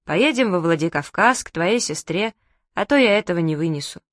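A shy, worn-out man from a storybook who speaks quietly and wearily, read by a woman. The voice is low and mellow and sounds close, with no room echo around it. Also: lively intonation, a little fast, natural voice. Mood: weary. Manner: quiet, weary complaining. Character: weary frightened man, a shy electrician.

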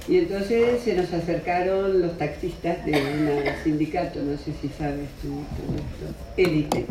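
A man from Spain speaks spontaneously on a panel, rambling, correcting himself, and chuckling often. His fairly high voice is captured from far off in a noisy, echoey hall.

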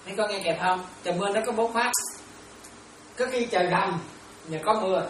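A woman's voice: mid-range voice, brisk, a little hiss or hum. A woman, a Buddhist nun, teaching lay followers in a dharma talk and often checking whether they follow. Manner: questioning listeners often, repetitive. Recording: echoey room, distant mic.

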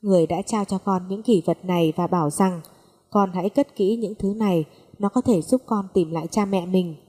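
A woman voicing a gentle young orphaned woman who speaks in a choked, sobbing voice, with long reverb. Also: fairly low pitch, moderate pace, natural voice. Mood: tearful.

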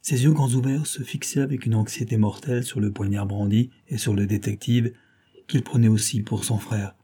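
A man narrating an adventure novel in a steady, even way as an audiobook reader. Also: on the low side, moderate pace, husky. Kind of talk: scripted narration.

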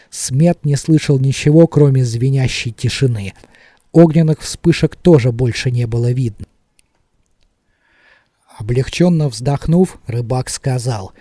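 Man reading a novel in a mellow voice. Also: mid-range voice, no echo, studio quality. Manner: measured, expressive reading. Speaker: audiobook narrator. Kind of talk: scripted narration.

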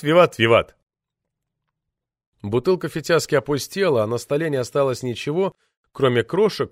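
Male audiobook narrator, expressive, lively pitch, fairly high voice, dry close sound. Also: no echo. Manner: measured, expressive reading.

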